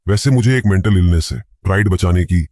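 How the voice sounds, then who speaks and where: A man's voice: deep voice, fairly quick, mellow, dry recording, studio quality, natural voice. A man voicing a proud, defiant young male necromancer with sarcastic retorts.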